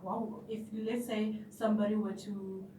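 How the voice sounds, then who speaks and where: A woman co-hosting a radio show, eager and quick, restarting her questions. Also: mid-range voice, little pitch movement, mellow. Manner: fast-talking, eager, with restarts. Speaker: radio co-host. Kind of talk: casual radio interview. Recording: roomy and distant with faint hiss.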